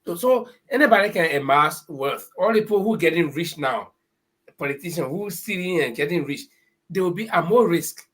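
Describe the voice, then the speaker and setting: A man's voice: a little high, animated, moderate pace, a bit bright. A middle-aged man in a casual discussion, speaking with emphatic, preachy warnings.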